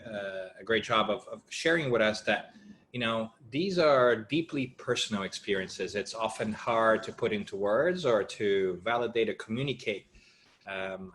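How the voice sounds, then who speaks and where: A man's voice: fairly low pitch, fairly bright tone, a little hiss or hum. A man moderating a panel, thanking a speaker and moving on to questions.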